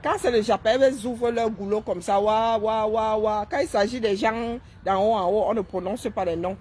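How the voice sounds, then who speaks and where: A woman's voice: a little high, brisk, darkish tone, slight background noise. Sarcastic woman live-streaming. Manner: sarcastic, mocking, keeps asking "hein?". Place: seated indoors.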